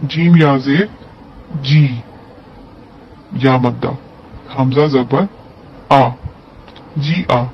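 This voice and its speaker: A man's voice: medium pitch, very slow, long pauses. A man teaching a lesson on Quran recitation, explaining step by step and drawing out syllables to demonstrate. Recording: dull lo-fi audio with faint hiss.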